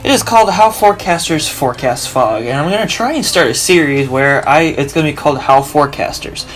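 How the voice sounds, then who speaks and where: A man's voice: a little high, lively intonation, a little fast, fairly bright tone, a little hiss or hum. A young man with a groggy allergy-worn voice, explaining weather casually in a rambling way with many restarts. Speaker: weather video host.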